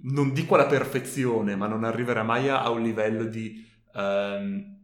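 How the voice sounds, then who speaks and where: A man's voice: on the low side, steady tone, moderate pace. A man co-hosting a podcast, giving casual, colloquial advice and stressing his points emphatically. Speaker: podcast co-host. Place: room in a home. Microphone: microphone on a tabletop stand. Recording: roomy, echoey home recording.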